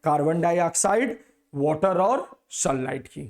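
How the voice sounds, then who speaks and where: A man's voice: fairly high pitch, animated, measured pace. A man teaching a science lesson to schoolchildren, repeating words and asking questions that he then answers himself. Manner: repetitive call-and-response questioning.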